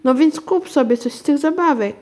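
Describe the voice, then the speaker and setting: A woman's voice: high voice, animated, normal speed, a little mellow, pitched above the performer's own voice. A woman voicing a sly witch disguised as a shop saleswoman, coaxing a child. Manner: coaxing, wheedling.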